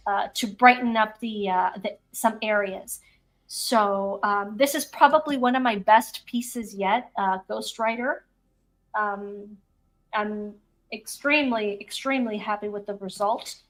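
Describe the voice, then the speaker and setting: A woman chatting casually about her artwork in a halting, self-interrupting way, sounding distant from the microphone. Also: medium pitch, fairly even intonation, a bit bright. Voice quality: distant-sounding, away from the mic. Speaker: artist and show host. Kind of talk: casual chat while showing artwork. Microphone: speaker sitting far from the microphone.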